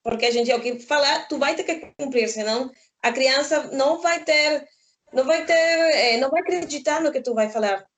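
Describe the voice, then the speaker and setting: Calm high-voiced woman. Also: normal speed. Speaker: guest, psychologist. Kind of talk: panel discussion on parenting.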